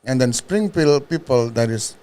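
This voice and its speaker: Animated Indonesian man, halting English. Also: medium pitch. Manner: halting, restarting English, laughs often. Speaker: food truck owner, guest. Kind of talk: casual chat.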